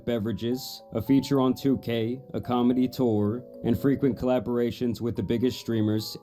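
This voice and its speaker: A man reading a scripted commentary narration in a steady, matter-of-fact storytelling manner. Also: medium pitch, normal speed, soft background music.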